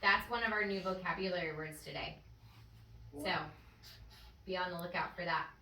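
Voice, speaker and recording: A woman's voice: fairly low pitch, normal speed, sharp tone, a little hiss or hum. A woman teacher leading a phonics lesson with a child in a classroom, patient and encouraging. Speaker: first-grade teacher. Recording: echoey classroom audio from far off.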